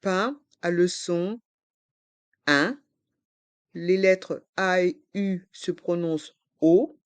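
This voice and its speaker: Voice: mid-range voice, fairly even intonation, clean tone, no room sound. Pronunciation tutor, drills words at a crawl, dry close sound. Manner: repeats each word slowly and spells out letters. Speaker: French pronunciation teacher.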